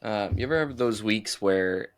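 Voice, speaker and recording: A man's voice: fairly low pitch, moderate pace. A man co-hosting a podcast in casual chat, with a joking, teasing way of talking. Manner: joking, teasing, laughs easily. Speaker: podcast co-host.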